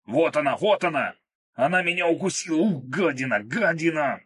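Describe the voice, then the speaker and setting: A man's voice: lowish voice, normal speed, fairly bright tone, slightly rough. A man voicing a panicky, self-pitying wounded man who cries out shrilly and desperately. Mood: panicked shrieking.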